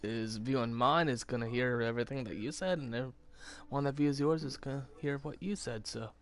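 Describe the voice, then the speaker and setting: A man chimes in as co-host of a casual gameplay chat, his voice sitting in an ordinary middle range. He keeps a relaxed, easygoing tone as he adds his remarks. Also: medium pitch, normal speed. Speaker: co-host and fellow player.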